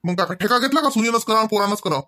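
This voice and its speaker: Voicing a grumpy elderly villager in a Marathi cartoon comedy, this man scolds his wife through a string of rhetorical questions, his rural Maharashtrian accent clear throughout. His pitch sits high and his pace is quick, with a pushed, bright edge. The sound is dry and studio-clean, and the exasperated tone suits the domestic quarrel.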